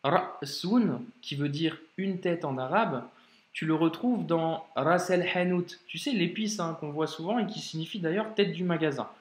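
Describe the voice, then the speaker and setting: A man teaching a video lesson in a patient, informal way, talking straight to the learner and drawing out example words slowly. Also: fairly high pitch. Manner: slow, drawn-out modeling of example words. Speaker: Arabic reading teacher. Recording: echoey room.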